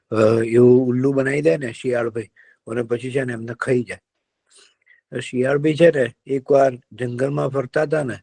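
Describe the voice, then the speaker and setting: A man telling a folk tale to children in a lively, drawn-out, engaging way. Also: medium pitch, creaky, breathy edge. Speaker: storyteller for children. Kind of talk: children's storytelling.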